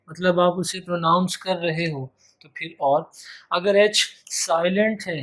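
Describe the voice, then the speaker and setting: A man's voice: high voice, fairly bright tone. A man giving an exam-prep grammar lecture, repeating key phrases and stretching out his example words. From Pakistan. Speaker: English teacher.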